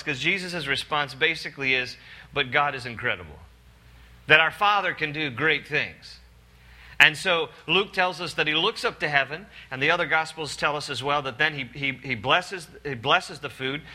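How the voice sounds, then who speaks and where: A man preaching a sermon, animated and acting out the people in the story with put-on voices. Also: a little high. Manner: animated, acts out quoted characters in put-on voices. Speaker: pastor.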